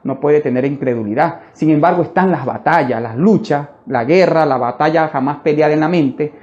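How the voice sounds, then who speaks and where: A man preaching a testimony sermon in a fervent way, often calling out to the brethren with slow, emphatic phrases. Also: on the high side, a little mellow, dull audio. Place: church.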